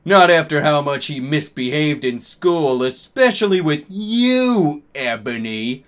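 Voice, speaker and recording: A cranky, spiteful old male wizard headmaster, played by a man in a comedic dramatic reading. He sneers and snaps, his voice pitched high and leaping all over the place. He drags the words out slowly. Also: expressive, fairly bright tone. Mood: mean, scornful. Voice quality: snappish, sneering.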